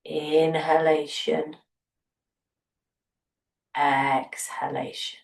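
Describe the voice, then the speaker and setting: Woman, low voice, breathwork teacher, calm and unhurried, a little off-mic. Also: creaky, echoey room, distant mic. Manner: soft, slow, soothing guidance with long pauses. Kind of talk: guided breathing meditation.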